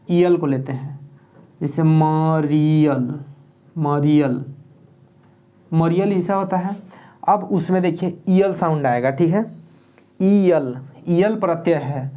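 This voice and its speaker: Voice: mid-range voice, a little mellow. Teacher repeating every word with "okay?". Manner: repeats and spells out word parts, frequent "okay?" checks; plain conversational explaining. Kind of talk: exam-prep grammar lesson.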